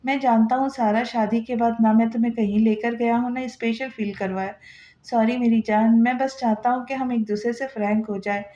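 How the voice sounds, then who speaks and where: A woman's voice: on the high side, steady tone, normal speed, dark tone, close to an everyday voice. Woman reading as a tender young husband. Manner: tender, soothing. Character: loving, earnest young husband. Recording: roomy, dull lo-fi recording.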